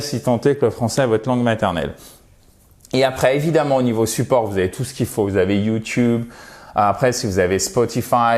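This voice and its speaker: A man gives an English lesson in in a chatty, lively way. His voice sits at an average pitch for a man, and he slows right down to sound out English words for his learners. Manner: lively teacher, spells out English words slowly for pronunciation. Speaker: English teacher. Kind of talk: video lesson.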